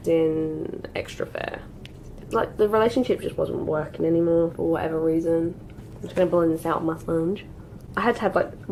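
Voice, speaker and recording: A lowish, gravelly yet mellow female voice belongs to a British beauty vlogger in her twenties chatting through her makeup routine as she recovers from a cold. She uses lots of "like" and "um" in this get-ready-with-me talk, captured in a low-quality recording with slight background noise.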